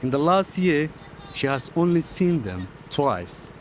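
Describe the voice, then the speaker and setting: A man from Somalia, narrating a documentary report in a measured, grave voice. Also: a little high, sing-song, noisy background.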